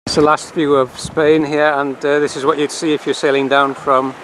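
The sailor's voice here is fairly high and a bit bright, with little pitch movement and a moderate pace, as he hesitantly rambles through a video diary full of ums and uhs. He records his solo voyage on a handheld camera, at sea and in harbour, amid noisy wind and water.

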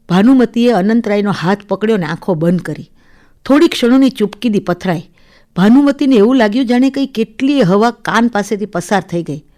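A woman narrating a literary short story for radio in a measured, expressive reading. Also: medium pitch.

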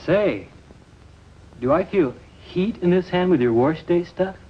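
A man's voice: high-pitched, expressive, measured pace, slightly rough, full character voice. A man playing a curious husband in 1950s TV commercial dialogue. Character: curious husband quizzing his wife. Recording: dull vintage TV soundtrack.

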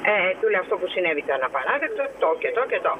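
A woman's voice: lowish voice, sing-song, a bit bright, slight background noise. Indignant woman on a phone line. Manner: agitated, indignant, fast retelling with quoted dialogue. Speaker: mother phoning in to a show. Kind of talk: phone-in interview, recounting a complaint.

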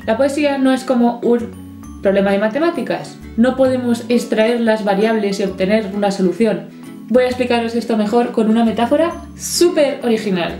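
A woman from Spain giving a lively, chatty poetry lesson with playful asides. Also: a little high. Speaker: literature teacher. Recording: echoey room, soft guitar music.

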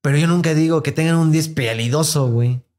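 A man's voice: on the high side, fast. A young Mexican man co-hosting a casual podcast, telling stories and acting out other people's lines. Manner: animated storytelling, acts out other people's lines. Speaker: podcast co-host. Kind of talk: casual chat.

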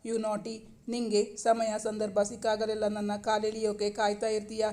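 A woman's voice: mid-range voice, completely flat delivery, moderate pace, dark tone, lightly acted. A woman voicing a playful young husband who teases his wife in a romantic storybook reading. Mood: teasing. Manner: playful, teasing.

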